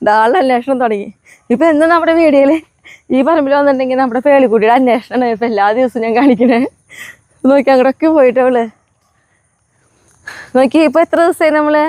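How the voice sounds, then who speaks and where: Fast-talking, chatty Malayali woman vlogger. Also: sits high. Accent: Kerala Malayalam. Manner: chatty, frequent "kēṭṭō" asides to viewers; soft baby-talk when addressing her pets. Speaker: family vlogger. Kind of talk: casual vlog talk to camera.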